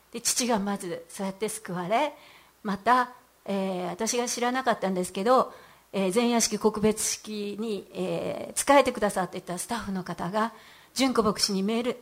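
A middle-aged woman giving a heartfelt church testimony in an earnest voice, with frequent hesitant fillers. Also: mid-range voice.

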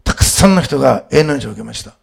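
A male pastor preaching a sermon, moving between quiet storytelling and loud, emphatic declarations. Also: mid-range voice, expressive, fast, vocal fry, breathy edge.

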